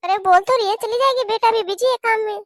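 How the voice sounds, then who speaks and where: A woman voicing a sharp-tongued, nagging middle-aged mother-in-law in a cartoon, talking in a scolding, taunting way. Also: very high voice, fast, dry recording. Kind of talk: cartoon voice acting.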